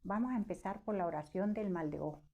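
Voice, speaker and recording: Mellow-voiced woman telling stories. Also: medium pitch, fast. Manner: animated, acts out relatives' voices in quotes. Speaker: interviewee. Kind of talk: personal storytelling.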